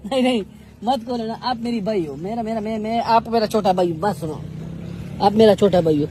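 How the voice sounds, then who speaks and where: Man, street confrontation, pleading then stern, soft traffic noise behind. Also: high voice, brisk. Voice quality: swings between pleading and scolding. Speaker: street questioner confronting a beggar.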